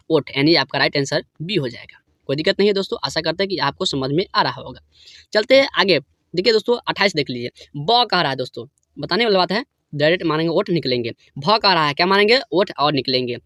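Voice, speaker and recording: A man leads an exam-prep lesson in a high, bright voice. He asks each question, repeats it, then repeats the answer, calling viewers his friends. The sound is dry, with no room echo. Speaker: teacher.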